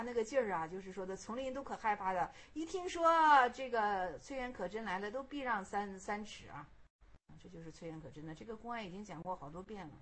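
A woman teaching as a Buddhist teacher, telling a Chan koan story in a lively way with many fillers. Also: medium pitch.

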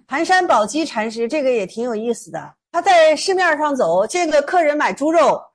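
A woman's voice: sits high, sing-song, normal speed. A woman teaching Zen koans in a casual, colloquial storytelling way, briefly acting out the people in each story. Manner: colloquial, acts out dialogue in stories.

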